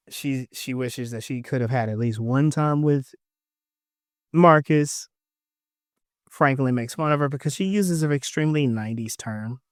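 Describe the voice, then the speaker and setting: A man's voice: fairly high pitch, fairly bright tone, clean tone, no room sound, studio quality. A man hosting a podcast, recapping an episode in a casual, joking way with slangy asides to his listeners. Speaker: podcast host.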